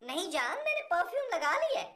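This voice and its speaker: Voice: extremely high pitch, sing-song, fairly quick, background noise. An actor voicing a lazy, easygoing cartoon husband who jokes and sweet-talks his wife. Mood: joking. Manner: lazy, joking, sweet-talking.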